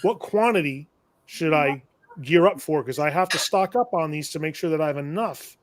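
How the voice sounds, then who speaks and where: A man's voice: fairly high pitch, moderate pace, dry recording. Talkative man telling a business story. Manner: rambling, self-correcting, chuckles at own misfortune. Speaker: shop owner and tool vendor. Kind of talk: casual storytelling on a live show.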